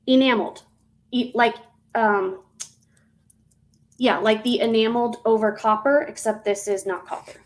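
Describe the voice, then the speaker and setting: Woman, casual live-stream seller, slightly high pitch, rambling, fillers and self-corrections. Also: a little hiss or hum, rough recording.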